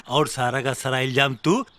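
An actor playing a jovial, scheming gangster boss with a Bhojpuri accent, coaxing and laughing. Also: male voice, fairly high pitch, background noise. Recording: film soundtrack with background music.

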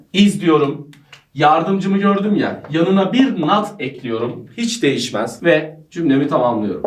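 A man teaching English to a group of friends, joking and teasing as he explains. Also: on the high side. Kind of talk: playful group lesson banter. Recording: echoey room, mic at a distance.

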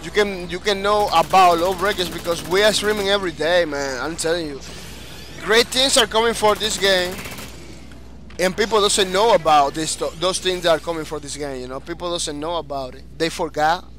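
A game streamer from the Dominican Republic with a Spanish accent chats energetically with viewers during a live stream, reading their comments and often restarting his phrases. His voice is high and a bit bright, at a moderate pace, over soft background music.

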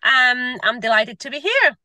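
High bright-voiced woman on a video call. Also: very animated, unhurried, no echo. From Hungary. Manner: chatty, many fillers and repeated words. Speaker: guest, permanent makeup artist. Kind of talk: casual video-call interview. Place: parked car. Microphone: video call from a phone.

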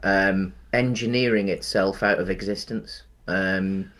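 A man in his thirties, co-hosting a podcast over a video call, chats casually about a film from a small room at home through a headset. His voice sits low and fairly bright, with fairly even intonation and an unhurried pace. He sounds hesitant, with lots of ums and restarts.

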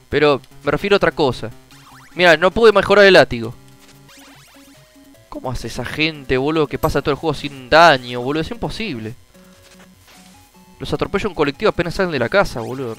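A young man with a Rioplatense Spanish accent giving casual commentary on a retro game, frustrated, swearing often and bursting into shouts. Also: fairly high pitch, poor audio. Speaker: gameplay streamer.

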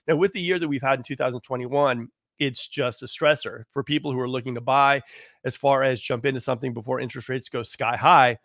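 A hoarse man, a real estate agent, talking casually on a live stream in a rambling way full of fillers. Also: medium pitch, steady tone, fairly quick, fairly bright tone, dry recording, studio quality. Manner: rambling, full of "you know" and "like".

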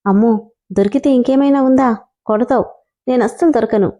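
A woman's voice: fairly high pitch, a little fast, mellow, lightly acted. A woman voicing a playful, affectionate young wife who coaxes and pleads with her husband. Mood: pleading. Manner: coaxing, pleading.

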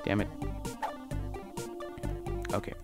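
A young man giving casual, self-mocking let's play commentary, swearing now and then at the game. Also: drawn-out words. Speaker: gaming channel host. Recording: game music loud behind the voice. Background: game music.

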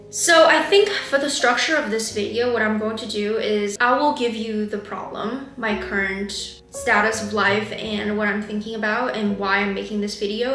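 A native Chinese-speaking woman from China in her twenties vlogs from a bedroom or home office, talking candidly and thoughtfully to the camera about her life and gesturing a lot. Her voice is medium-pitched and fairly bright, but the room echoes and the audio is poor.

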